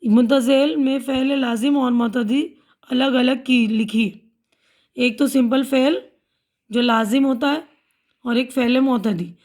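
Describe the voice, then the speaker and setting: High-voiced woman teaching a class. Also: fairly even intonation, darkish tone. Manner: patient, repeats and glosses words. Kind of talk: explaining a school lesson.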